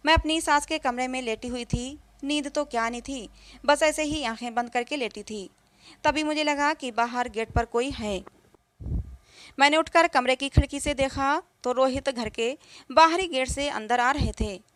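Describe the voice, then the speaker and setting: A woman narrating a first-person story in a steady, earnest, scripted way. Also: sits high, no echo.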